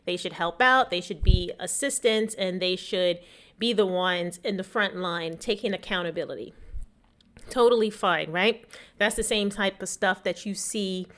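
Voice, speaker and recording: A small business technology educator hosts a casual explanatory talk, her low-ish, fairly bright voice moving at normal speed. A lingering cough leaves it slightly shaky, and she makes her points emphatically and with strong opinions.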